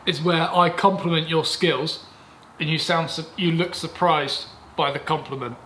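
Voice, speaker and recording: A man's voice: fairly high pitch, steady tone, moderate pace, fairly bright tone. English man bantering in an echoey room. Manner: jokey, laughing banter. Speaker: host. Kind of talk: casual reaction chat. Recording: echoey room with background noise.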